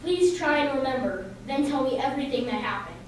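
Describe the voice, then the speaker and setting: A high-pitched woman performs briskly and with animation as a no-nonsense detective grilling old classmates at a crime scene, part of an amateur radio drama. The businesslike take comes from a distant microphone in a heavily echoing room, with a faint hiss underneath.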